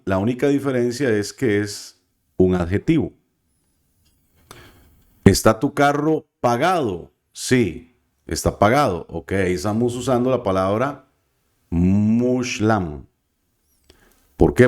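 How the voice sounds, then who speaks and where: A man teaching a language class, speaking very slowly and patiently. His voice sits a little low, and he often pauses to check that his students follow. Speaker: biblical Hebrew teacher. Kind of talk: classroom lesson.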